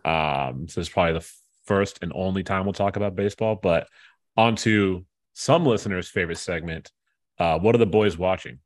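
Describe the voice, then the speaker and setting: A deep-voiced man hosts a podcast in easy, casual chat. He sounds laid-back and drops in plenty of filler sounds between his thoughts. His low voice anchors the conversation. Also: moderate pace. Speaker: podcast host.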